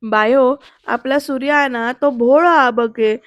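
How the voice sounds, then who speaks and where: Woman voicing a slow-talking village uncle. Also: high-pitched, a bit bright, no echo, dull audio. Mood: confiding.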